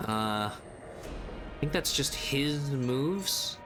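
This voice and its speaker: A man with a mid-pitched voice gives casual gameplay commentary. He muses and hesitates as he thinks through choices, with game music clearly playing behind him. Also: expressive, very slow. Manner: hesitant, musing, thinking aloud. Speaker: gaming video host.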